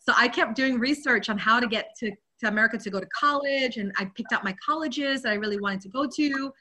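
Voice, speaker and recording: A woman from Guyana speaks as a guest, recounting her life journey in a candid, open way. Her voice sits a little high and sounds bright and clear. She leans on casual fillers as she talks. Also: fast talker, a little hiss or hum. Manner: candid, open storytelling with frequent "you know". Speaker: guest, spiritual teacher. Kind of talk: personal life story in an interview. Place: Virginia.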